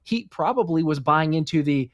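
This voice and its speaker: A man's voice: a little high, lively intonation, moderate pace, dry recording, highs cut off. A man co-hosting a casual sports talk show, rambling with many restarts and acting out what coaches might say. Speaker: podcast co-host.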